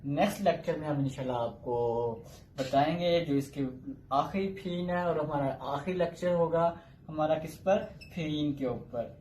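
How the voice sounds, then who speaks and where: A man teaching a recorded language lecture, slowly drilling single sounds and repeating and explaining each one. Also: on the high side, a little mellow, slight background noise. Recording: echoey room.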